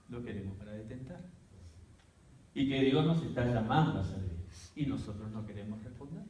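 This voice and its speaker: A man, a pastor, teaching a church workshop like a sermon, telling his story dramatically with sudden loud, high bursts. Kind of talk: preaching-style teaching. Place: church hall. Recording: very echoey hall, voice from far off the mic.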